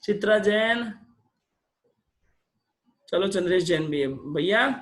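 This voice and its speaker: High-voiced man quizzing an online class. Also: a bit bright. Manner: quizzes participants, brisk and coaxing; mixes in English phrases. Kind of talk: interactive online religious lesson. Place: video call session.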